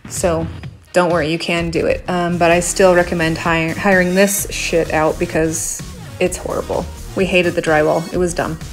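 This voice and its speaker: A woman in her thirties narrating her home renovation vlog casually, chatty and blunt, often pausing with "um". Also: lowish voice, flat delivery, faint music behind. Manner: chatty, blunt, with frequent "um" fillers.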